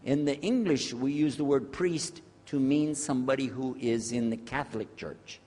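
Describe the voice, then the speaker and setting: A man's voice: mid-range voice, normal speed, mellow. Chatty man lecturing in a reverberant hall. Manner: jokey, chatty, checks in with the audience. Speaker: speaker on Islamic outreach. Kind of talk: casual lecture to a live audience.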